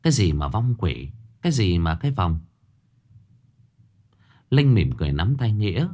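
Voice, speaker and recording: Expressive low-voiced male narrator. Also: moderate pace. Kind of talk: scripted horror story narration.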